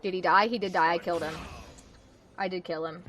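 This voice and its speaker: A woman streaming a video game live, commenting on her play with profane trash-talk aimed at opponents, swinging between low muttering and loud yelling. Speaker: Twitch streamer.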